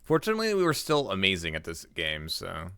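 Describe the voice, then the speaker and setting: A male livestreamer talking straight into a headset mic, with a dry and close sound and no room around him. His pitch swoops up and down as he reacts to the game and answers his chat. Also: wildly swooping pitch, fairly quick, pushed and bright, clean tone, no echo. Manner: chatty, reacts aloud while playing, talks to chat. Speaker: livestreamer and card game player. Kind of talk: live gameplay commentary.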